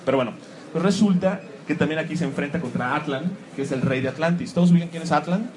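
A man gives a live, joking talk about comics to an audience in a room, full of self-mockery and animated asides. His voice is a little high and his pace quick. The recording is rough, with clear background noise.

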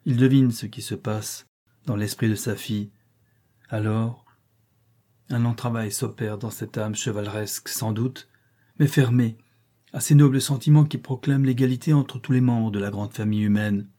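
Husky dark-voiced male narrator. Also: lowish voice, steady tone. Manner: measured, dramatic reading. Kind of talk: audiobook narration.

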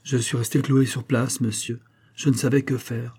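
A man's voice: medium pitch, flat delivery, moderate pace, a little mellow, slightly rough, lightly acted. A man reading an audiobook, voicing an indignant middle-aged red-haired pawnbroker telling his story. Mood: aggrieved.

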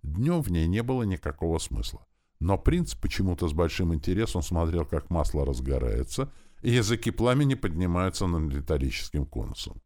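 Deep-voiced male audiobook narrator. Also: very animated, brisk, dark tone. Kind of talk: scripted narration.

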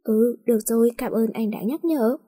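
A woman's voice: fairly high pitch, moderate pace, mellow, husky, dry recording, clean studio sound. A woman voicing a sulky, teasing young wife in a storybook reading, speaking in curt, pouty replies.

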